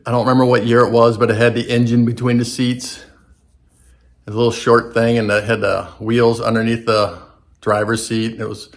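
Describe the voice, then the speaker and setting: A man casually recounting a childhood memory about his mother, plain and unhurried. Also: mid-range voice. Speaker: son telling a family story. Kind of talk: casual anecdote.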